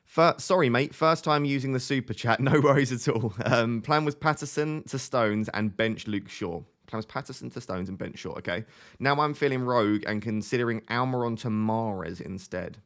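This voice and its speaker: A young man in his twenties hosts a live stream, chatting casually and thinking aloud as he answers viewer questions. His voice is medium-pitched and fairly bright, at a moderate pace. He often restarts phrases in his chatty way.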